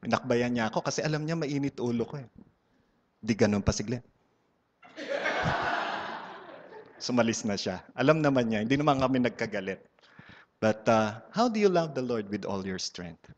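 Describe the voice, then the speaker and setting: A man's voice: medium pitch, expressive, moderate pace, pauses often, dull audio. A man with a Filipino accent giving a humorous testimony talk at a church community gathering, a playful storyteller who mixes Tagalog and English and teases his audience. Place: large hall before a live audience. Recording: long hall reverb.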